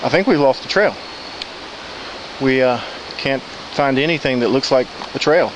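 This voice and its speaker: A man with a mid-pitched voice talks casually to his audience as he hikes. His narration is unscripted and plain, like a trail diary. Clear outdoor noise from a stream runs behind him. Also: measured pace, highs cut off. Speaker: hiking vlogger. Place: outdoors on a rocky riverside woodland trail. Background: stream and natural ambience.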